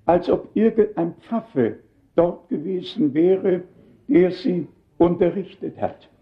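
A man's voice: high voice, slow, lo-fi sound. An older man preaching a sermon in earnest, emphatic tones, turning now and then to talk straight to the congregation.

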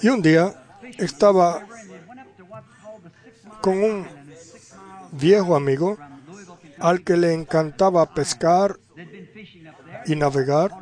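A male preacher with a fairly high voice delivers a sermon at an unhurried, deliberate pace. He stops between phrases and keeps turning to the congregation with rhetorical questions. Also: darkish tone. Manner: unhurried, with drawn-out pauses. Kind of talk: sermon storytelling.

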